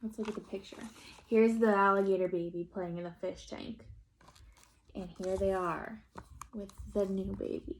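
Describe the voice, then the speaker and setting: A woman's voice: mid-range voice, a little hiss or hum. A woman reading a picture book aloud to children like a teacher, stopping to ask the listeners questions and have them make predictions. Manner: slow and expressive, asking children questions. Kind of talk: children's read-aloud storytime.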